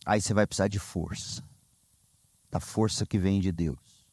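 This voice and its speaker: A Brazilian man preaching a sermon as pastor, telling stories with lively, sudden high exclamations. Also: moderate pace, breathy edge, no room sound. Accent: Brazilian Portuguese. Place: church sanctuary.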